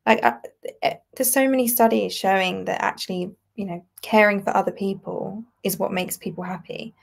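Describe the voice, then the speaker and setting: A woman's voice: medium pitch, fairly even intonation, moderate pace, gravelly. A British woman in her twenties, a writer and podcast guest, speaking thoughtfully in a casual conversation. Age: 20s.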